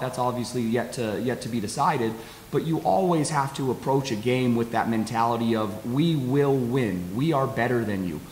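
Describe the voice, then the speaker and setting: American man, soccer coach, post-game interview, medium pitch, measured halting delivery, reverberant room, faint hiss. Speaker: college soccer head coach. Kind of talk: post-game interview answers at a press table. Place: press conference table with backdrop. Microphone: table stand microphone. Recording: echoey hall, audible hiss.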